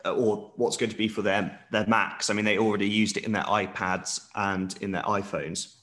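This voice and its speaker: A man's voice: lowish voice, flat delivery, normal speed, a bit bright. A man hosting a podcast in a casual, conversational style. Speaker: podcast host. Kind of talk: casual chat.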